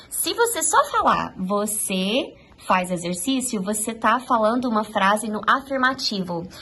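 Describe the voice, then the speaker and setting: A young adult woman from Brazil, a native Portuguese speaker, teaching an online English lesson in a patient, encouraging way and slipping into slow classroom English. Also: on the high side, a bit bright, slightly rough, low-quality recording.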